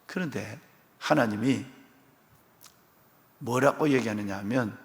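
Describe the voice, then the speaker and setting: A man preaching an expository sermon as senior pastor in a church, acting out biblical figures in quick, colloquial voices with a lively, swooping delivery. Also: mid-range voice, gravelly. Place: church sanctuary. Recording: long reverb of a church hall.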